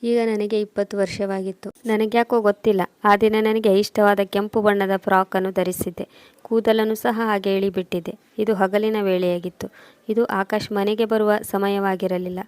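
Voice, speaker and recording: A woman reading a scripted first-person emotional story in a steady, measured way. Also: medium pitch, dry recording. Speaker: narrator.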